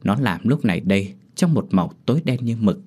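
Low husky male horror storyteller. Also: fairly quick. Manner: steady, descriptive storytelling. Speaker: narrator. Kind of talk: scripted horror story narration.

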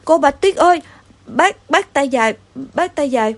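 A woman's voice: high voice, lively intonation, brisk. A woman voicing a young boy mouse who stammers in a frantic rush, in a storybook reading. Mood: panicked. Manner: stammering, breathless.

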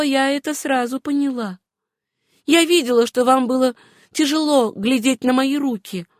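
A woman reading an audiobook voices a gentle, wistful young woman with a hard past, speaking softly. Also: sits high, no room sound, clean studio sound, pitched above the performer's own voice.

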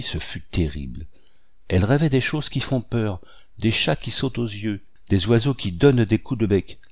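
Audiobook reader: man, low voice, measured and expressive, dry close recording. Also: dry recording. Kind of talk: reading a classic novel aloud.

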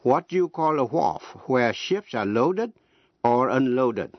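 Male radio teacher, slow and deliberate, spells out words one letter at a time, dull lo-fi broadcast sound, dry. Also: mid-range voice, animated, no room sound. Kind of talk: radio language lesson.

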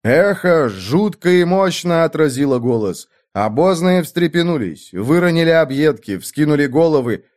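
A man's voice: mid-range voice, a little mellow. A man reading a battle scene aloud in dramatic, rhythmic clipped phrases. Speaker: audiobook narrator. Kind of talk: scripted narration.

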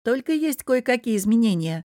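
A woman's voice: on the high side, sing-song, moderate pace, mellow, dry recording, clean studio sound. A woman reading a brusque, grinning gym boss. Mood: cautious. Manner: curt, gruff, half-joking. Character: confident man, gym boss, brusque but friendly.

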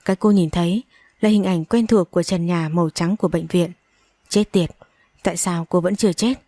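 A woman's voice: fairly low pitch, fairly even intonation, fairly quick, warm tone, no room sound. A woman reading a dramatic story aloud and voicing every character with strong emotion. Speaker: audiobook narrator. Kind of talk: storybook narration with acted dialogue.

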